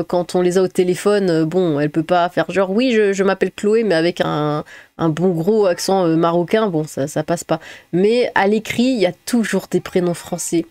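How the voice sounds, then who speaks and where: A woman's voice: on the low side, a little mellow, no room sound. Woman chatting dryly on a stream. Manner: reads chat messages aloud with offhand asides. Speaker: streamer reading viewer comments. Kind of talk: casual live-stream commentary.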